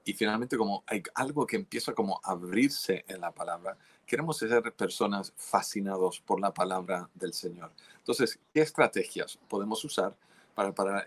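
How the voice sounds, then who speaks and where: Deep-voiced earnest preacher man. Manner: earnest, exhorting, frequent restarts. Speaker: pastor. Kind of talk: sermon teaching.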